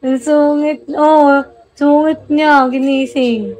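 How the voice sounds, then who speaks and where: High-voiced woman cooing at a pet. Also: steady tone, slow pace, a little mellow, low-quality recording. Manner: cooing and teasing a sleepy pet. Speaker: livestreamer. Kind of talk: casual livestream chat.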